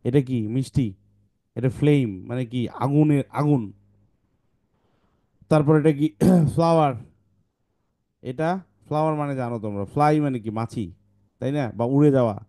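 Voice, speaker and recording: A man teaching children phonics in an online class over a video call, sounding out each blend slowly and repeating it several times. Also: medium pitch, mellow, no room sound, clean studio sound.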